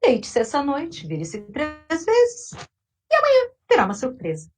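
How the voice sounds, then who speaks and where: A calm, patient good fairy from a storybook tale, as a woman storyteller puts her on. She speaks gently and soothingly, with a high, lively voice. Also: moderate pace, distant mic, soft background music.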